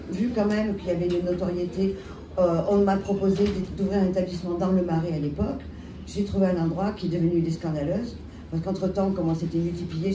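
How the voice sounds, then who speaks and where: A woman with a French accent and a head cold, a bar owner on a panel, recounts her history with halting restarts and many fillers. Her pitch is lowish. The recording is echoey with a distant mic and loud background noise.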